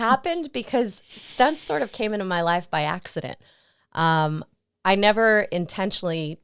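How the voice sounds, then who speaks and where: A woman's voice: fairly low pitch, fairly bright tone, clean tone, dry recording, studio quality. A woman guest in an interview, reflecting on her career in a casual storytelling way and often laughing. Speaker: interview guest, stunt performer and actress.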